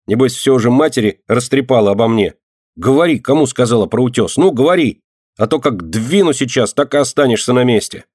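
A man voicing a rough, angry street boy. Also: fairly low pitch, moderate pace, no echo, clean studio sound, pitched above the performer's own voice, close to an everyday voice. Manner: gruff, scolding, loud. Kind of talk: audiobook reading.

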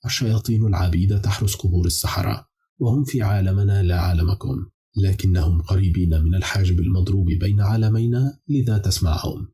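A man's voice: deep voice, fast talker, warm tone, slightly rough, full character voice. A man voicing a chorus of cold, ominous enslaved demons in an audiobook, speaking in a grave, warning tone. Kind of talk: audiobook character reading.

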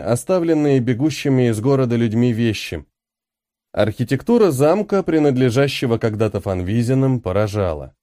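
Expressive male audiobook narrator. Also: medium pitch, no room sound, clean studio sound. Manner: expressive, dramatic.

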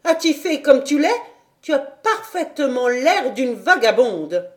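A strict governess scolds in high, loud, indignant bursts, as a woman reading the audiobook puts her on. Her questions come sharp and pressing, pitched well above the reader's own voice. The storybook tone stays stern throughout. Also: very animated, measured pace. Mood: indignant scolding. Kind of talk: audiobook character voice.

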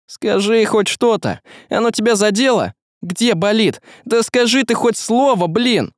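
A man voicing a brash, quick-tempered young man who speaks bluntly in modern slang. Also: high-pitched, sing-song, no room sound, studio quality, pitched above the performer's own voice, heavily acted. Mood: worried.

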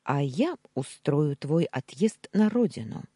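In an audiobook, a woman performs a bitter twenty-one-year-old wife, sharp, scornful and hissing orders in a scheming, cool mood. Her exaggerated voice is low and husky with lively pitch swings, delivered unhurriedly. The dry recording has clean studio sound.

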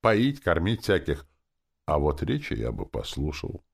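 A man's voice: very deep voice, a little slow, gravelly, husky, exaggerated voice. A man voicing a fawning, cheeky male zombie, a former official, in a wheezy, nasal voice in an audiobook. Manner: flattering, cheeky, theatrical. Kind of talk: audiobook character voice.

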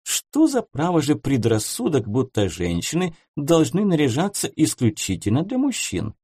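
A man voicing a confident woman dressmaker who talks in a smooth, persuasive way. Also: on the high side, huge pitch swings, normal speed, warm tone, dry recording, studio quality, pitched above the performer's own voice, full character voice.

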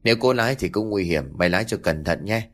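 A man's voice: fairly low pitch, animated, quick pace, close to an everyday voice. A man voicing a frightened, superstitious male truck driver warning his nephew. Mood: cautioning. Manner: anxious, trembling.

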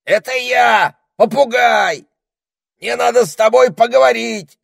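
A man's voice: lowish voice, sing-song, a little slow, pushed and bright, dry recording, studio quality, voice pushed up, full character voice. A man voicing a bossy, snappy male parrot in an audiobook. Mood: irritated. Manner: snappy, chatty, impatient. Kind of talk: audiobook character voice.

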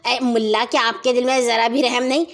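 Lady doing a brazen sweet-talking neighbor dude from a kids story, slow and coaxing. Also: a little high, flat delivery, natural voice. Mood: pleading. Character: smug, shameless male neighbor farmer.

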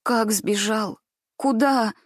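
A woman's voice: on the high side, fairly even intonation, slow, no room sound, studio quality. A woman voicing a frightened, desperate young girl who pleads and cries out accusations. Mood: frantic.

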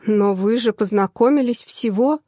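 A woman reading as a blunt, mocking young sister in an audiobook, wry and outspoken. The voice sits a bit high and mellow, recorded close and dry. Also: normal speed, no echo, natural voice.

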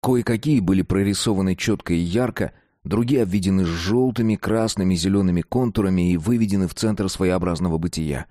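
Male narrator, very low voice, slow deliberate reading, dry close recording. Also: dark tone, no echo. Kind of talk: scripted narration of a dark story.

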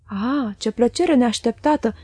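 A woman voicing a falsely humble, fawning young male clerk in a storybook reading, speaking softly and low. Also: slightly rough, no room sound, faint music behind.

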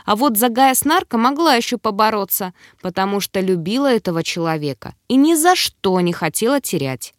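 A woman narrating a fantasy novel aloud in an expressive, dramatic first-person reading. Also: medium pitch, normal speed, hardly any pauses, dry recording, studio quality. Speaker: audiobook narrator.

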